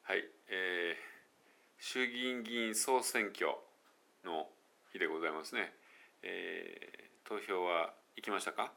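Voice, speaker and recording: In this casual monologue video, a man coaching pronunciation talks in Japanese sprinkled with English phrases, stopping to correct himself and laughing at his mistakes. He speaks slowly in a low, gravelly voice that sounds pushed and bright.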